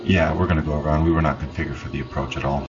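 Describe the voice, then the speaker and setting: Very deep, monotone male airline pilot. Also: racing. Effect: aviation radio transmission. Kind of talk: radio calls and readbacks. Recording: muffled band-limited cockpit radio.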